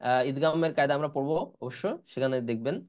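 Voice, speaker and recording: A man teaching a Quran reading class, spelling out Arabic letters and vowel marks one by one, then reciting the joined words slowly and drawn-out. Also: mid-range voice, fairly even intonation, clear, resonant tone. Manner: slow drawn-out recitation of joined words between quick explanations. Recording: lo-fi online class audio.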